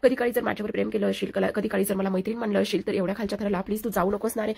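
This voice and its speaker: A woman's voice: mid-range voice, steady tone, racing, creaky, warm tone, husky. A woman reading the lines of a young woman who earnestly begs to be believed. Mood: imploring. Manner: earnest, imploring. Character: young woman desperately defending her honor.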